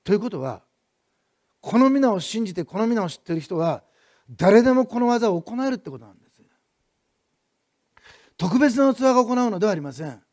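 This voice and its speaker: Male pastor, quick-paced sermon delivery, swings between emphatic repetition and soft asides. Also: high-pitched, sing-song, no room sound, clean studio sound. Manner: builds to loud emphatic repetition, then drops to soft asides.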